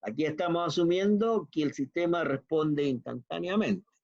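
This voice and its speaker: Chilean man lecturing, slightly high voice. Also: moderate pace, darkish tone. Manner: explanatory, works sums aloud, frequent check-ins. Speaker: university lecturer. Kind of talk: online engineering lecture. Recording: dull lo-fi online class audio.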